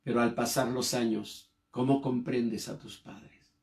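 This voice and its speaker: A man preaching a sermon, telling a personal story with emotion and sudden rises in pitch and volume. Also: steady tone, measured pace, vocal fry, a little mellow. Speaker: pastor.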